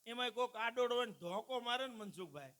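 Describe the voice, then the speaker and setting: Brief: male folk comedian, very high, sharp, ringing voice, animated stage delivery. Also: fairly quick. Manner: animated, addresses the crowd as "saheb". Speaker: stand-up folk comedian at a dayro. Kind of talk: live comic storytelling to an audience.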